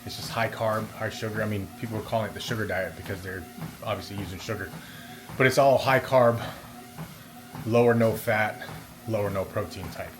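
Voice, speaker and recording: A man's voice: lowish voice, brisk, music in the background. A man talking casually and a little hesitantly in a rambling vlog as he walks on a treadmill. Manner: talking while walking on a treadmill. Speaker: vlogger. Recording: steady background noise of treadmill. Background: treadmill and room noise.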